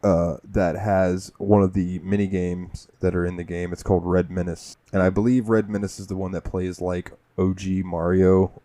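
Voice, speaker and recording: A man's voice: deep voice, flat delivery, moderate pace, hardly any pauses, mellow, dry recording. A man hosting a gaming podcast, telling the story of a game in a rambling, profane way. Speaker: podcast host. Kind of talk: casual gaming podcast chat.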